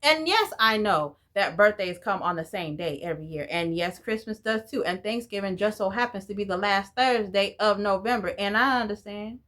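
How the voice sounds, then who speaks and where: In a casual, rambling vlog, a native Spanish-speaking woman in her forties talks straight to the camera. Her pitch is medium and her tone slightly bright, and she moves at a normal speed with hardly a pause.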